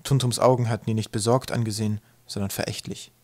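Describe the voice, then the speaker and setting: Calm, low-voiced male audiobook narrator. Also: dry recording. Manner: calm, measured reading.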